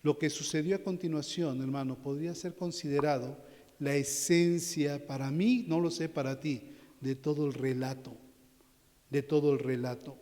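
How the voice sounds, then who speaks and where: A man preaches a sermon in a church, his voice sitting a little high for a man. He speaks to the congregation as brothers and climbs in pitch and force as he drives each point home. A long reverb hangs on his words. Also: steady tone, normal speed, warm tone. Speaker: pastor. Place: church sanctuary.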